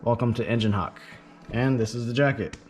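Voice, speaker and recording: A man's voice: medium pitch, fairly quick, a little mellow. A tired, slightly out-of-breath man casually rambling to his viewers as he unboxes and reviews a product. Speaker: vlogger. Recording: echoey room with background music.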